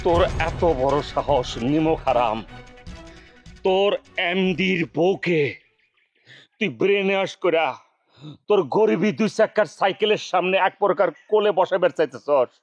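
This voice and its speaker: A huffy jealous husband. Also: male voice, high-pitched, measured pace, dull audio, faint music behind. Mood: outraged. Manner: theatrical ranting, mocking questions. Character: hot-tempered jealous middle-aged husband, bossy.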